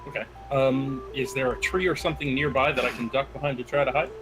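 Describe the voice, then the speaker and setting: A man's voice: medium pitch, fairly even intonation, fast talker, over music, low-quality recording. A man playing a tabletop game, chatting casually and tentatively as he thinks through his moves.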